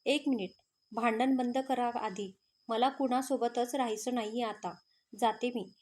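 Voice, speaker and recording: A spirited young female student speaks her mind openly, as a woman storyteller reads her lines. The voice sits high and lively. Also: unhurried, close to an everyday voice.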